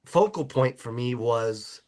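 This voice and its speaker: A man hosting a podcast, telling his own story in a casual, animated way. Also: mid-range voice, slow pace, slight background noise. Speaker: podcast host. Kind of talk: casual chat.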